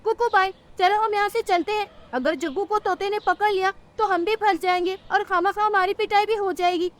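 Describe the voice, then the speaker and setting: A woman's voice: very high voice, moderate pace, voice pushed up. A woman voicing a timid, sensible little girl bird in a cartoon. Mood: worried.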